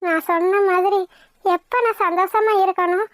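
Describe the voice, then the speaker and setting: A patient young wife in a cartoon, with a very high, girlish pitch. She talks softly and earnestly, as if pleading. The sound is dry with no room around it. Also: fairly even intonation, normal speed, dry recording. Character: young married woman, gentle and patient. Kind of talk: cartoon voice acting.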